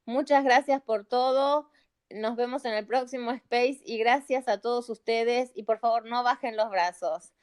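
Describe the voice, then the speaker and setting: Her voice fairly high and her pace unhurried, a middle-aged Argentine woman, a psychologist, delivers an emotional, pleading appeal in a live audio chat. She repeats phrases for emphasis, captured by a phone or computer mic.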